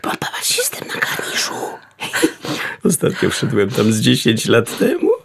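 A man voicing a vain, lofty old male house cat who talks in a mock-philosophical way, with a gravelly, husky voice. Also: medium pitch, huge pitch swings, unhurried, in a whisper, exaggerated voice. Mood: coaxing.

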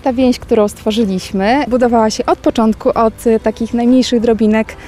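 A woman teacher answering interview questions in a reflective way, pausing often with small fillers. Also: fairly high pitch, fairly even intonation, warm tone. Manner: reflective, speaks thoughtfully with pauses and "e" fillers.

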